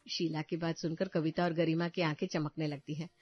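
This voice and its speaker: A woman giving calm scripted narration of a cartoon story. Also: sits low, a little fast, slightly rough. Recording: dull dry voice-over with faint music.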